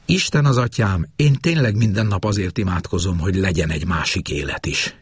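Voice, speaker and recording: A man's voice: low-pitched, breathy edge, dry recording. A man voicing an exasperated middle-aged wife who gives orders. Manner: exasperated, commanding. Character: middle-aged wife, fed up, sharp-tongued.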